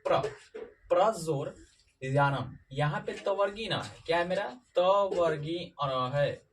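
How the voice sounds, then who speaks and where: A man teaching a grammar lesson, repeating key points and asking his students questions, slowing down to spell out individual sounds. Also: on the high side, recorded from a distance, a little hiss or hum. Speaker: Sanskrit teacher. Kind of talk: classroom-style grammar lesson.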